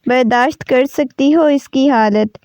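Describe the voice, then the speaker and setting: A woman voicing a gentle, worried mother-in-law who speaks softly and reassuringly in a storybook reading. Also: sits high, dry recording, close to an everyday voice. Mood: soothing. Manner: soft, reassuring.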